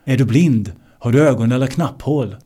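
A man voicing an angry man who shouts sharp, scolding insults in an example story. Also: medium pitch, breathy edge, natural voice.

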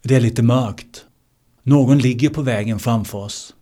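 A man teaching meditation in a slow, measured way, repeating key words for emphasis. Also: medium pitch, warm tone. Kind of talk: spiritual teaching talk.

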